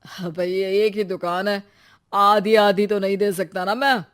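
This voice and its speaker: A woman's voice: mid-range voice, steady tone, measured pace, natural voice. Blunt no-nonsense shop guy in a cartoon story, woman doing it. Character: blunt matter-of-fact male shopkeeper.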